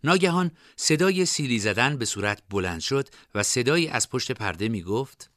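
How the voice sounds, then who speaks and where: A man narrating a fantasy story in expressive storytelling style. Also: mid-range voice, dry recording, clean studio sound.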